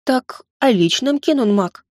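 A woman's voice: on the high side, expressive, a little slow, no echo, clean studio sound. Woman doing a coy, purring servant girl.

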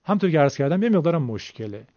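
A middle-aged man teaching Quran recitation, explaining patiently and demonstrating sounds slowly. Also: a little high, very animated, dark tone, no echo. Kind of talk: explanatory lesson. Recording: dull lo-fi recording.

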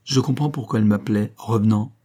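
Guy reading a worked-up businessman, odd accent, keeps exclaiming, low husky voice. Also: fast, dark tone, natural voice. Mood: astonished.

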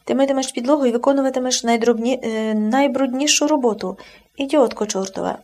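Woman doing imperious rich lady, hot-tempered, sharp, scornful, slightly husky, audiobook. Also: fairly high pitch, fast. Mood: furious.

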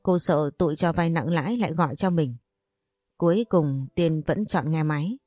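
Low-voiced woman narrating an audio story. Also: normal speed, mellow, no room sound, clean studio sound, faint music behind.

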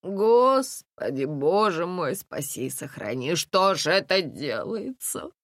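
A woman's voice: on the low side, big pitch swings, slow pace, dry recording, studio quality, exaggerated voice. A woman doing a fearful, pious older aunt. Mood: fearful hushed. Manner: hushed, lamenting.

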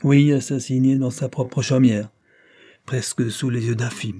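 Man voicing a probing lawyer: deliberate, pointed questions, husky tone. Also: medium pitch, fairly even intonation, warm tone, lightly acted. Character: probing, guarded male country lawyer. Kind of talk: audiobook character voice.

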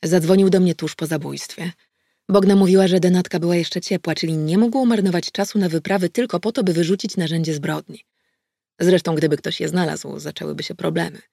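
A woman narrating a first-person audiobook in a brisk, wry, dry manner on a close studio mic. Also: fairly low pitch, fairly even intonation, creaky, warm tone, dry recording.

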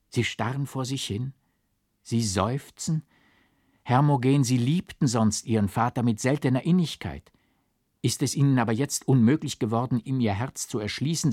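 A man's voice: on the low side, dry recording, studio quality. A man reading the part of an earnest old man in an audiobook, coaxing and pleading, rising to fervent exhortation.

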